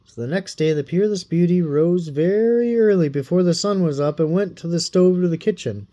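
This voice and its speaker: A man reading a fairy tale aloud in a playful, animated way. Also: sits high, normal speed. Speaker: storyteller.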